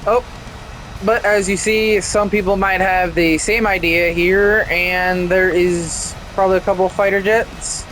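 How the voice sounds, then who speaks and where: A man's voice: sits high, flat delivery, a little slow, fairly bright tone, a little hiss or hum. A young man casually commenting while playing a flight game, rambling and chatty with frequent restarts. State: hiccups. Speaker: gameplay streamer.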